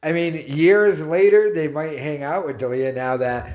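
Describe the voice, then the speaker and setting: A man's voice: fairly high pitch, fairly even intonation, unhurried, darkish tone. A man giving off-the-cuff commentary as a host, in an exasperated, mocking manner. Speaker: YouTube commentator. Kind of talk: reaction commentary, off-the-cuff rant.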